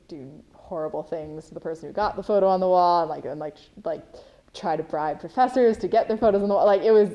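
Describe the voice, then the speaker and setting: A woman's voice: low voice, dark tone. A woman in her twenties, a college student giving a reflective documentary interview with frequent ums. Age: 20s.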